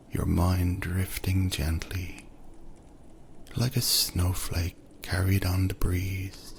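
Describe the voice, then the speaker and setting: A man narrating a second-person sleep story in a soft, soothing voice that often drifts into whispers. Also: deep voice, vocal fry, a little hiss or hum.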